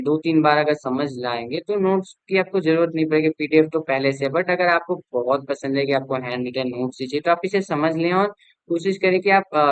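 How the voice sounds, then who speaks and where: A man's voice: on the high side, clear, resonant tone, no echo, poor audio. A young man teaching an online cybersecurity lecture, explaining informally with frequent fillers and restarts. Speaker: cybersecurity instructor.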